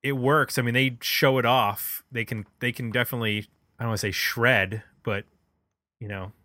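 A man with a bright, forward voice at an everyday middle pitch chats casually about an album, like a music podcast host thinking aloud. His tone is steady and his pace moderate, and the recording is close and dry.

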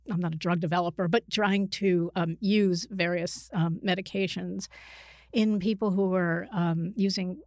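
Clean studio audio without room sound carries the medium-pitched voice of a middle-aged or older woman, a psychiatrist and author appearing as an expert guest. She's reflective, hedges a lot, and frequently revises what she's saying partway through.

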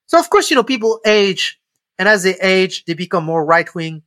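Bright-voiced man, halting talk. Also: high-pitched, lively intonation, no echo. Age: 30s. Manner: hesitant, many fillers and restarts. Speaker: guest commentator. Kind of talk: casual conversational analysis.

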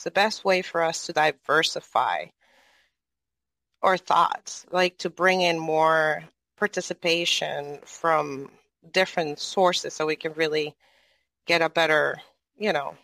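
A Venezuelan moderator in a casual online audio chat asks a long, rambling question, frequently adding "right?" at the end. His mid-range voice is gravelly with a fairly bright tone, and the recording is dry.

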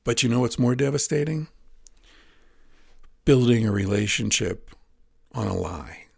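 A man's voice: mid-range voice, animated, a little slow, vocal fry, darkish tone, slightly rough, no echo, studio quality. A man talking frankly and earnestly in a casual critique of a book, now and then swearing. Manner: frank, earnest, profane at times.

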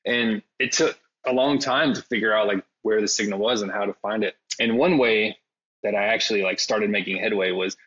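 A man's voice: fairly low pitch, brisk, fairly bright tone, husky, dull audio. A man chatting as a podcast guest in a hesitant, self-deprecating way, full of fillers. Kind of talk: casual interview conversation.

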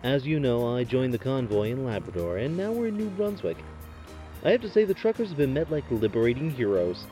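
A man doing a deadpan comedy bit as a trucker talking over a CB radio, full of radio lingo. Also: mid-range voice, brisk, soft background music.

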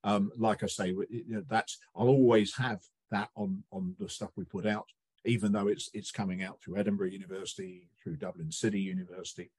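A middle-aged man, a guest on a podcast, talking about coaching in a relaxed conversation and telling stories with quick quoted voices. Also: on the low side, husky, dry recording. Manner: animated storyteller, acts out quick quoted voices.

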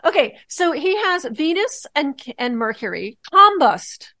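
A woman co-hosting a casual podcast, talking astrology and politics in an excitable, rambling way with many restarts. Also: sits high, unhurried, dry recording.

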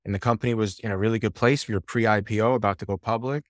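Low-pitched man as a podcast guest, sales coach, animated storyteller with casual swearing, dry close sound. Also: fast, no room sound.

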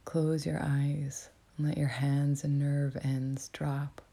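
A woman with a cold and a nasal voice, softly half-whispering as she guides a meditation in a small cabin. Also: low voice, level tone, slow pace, vocal fry, slightly rough. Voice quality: soft, half-whispered delivery. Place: writer's cabin with a crackling fire.

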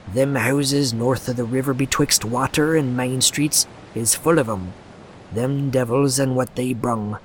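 A man's voice: medium pitch, a little hiss or hum, close to an everyday voice, low-quality recording. A man doing a raving terrified old harbor drunk. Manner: ranting, rustic old dialect, screams in terror. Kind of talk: audiobook character voice.

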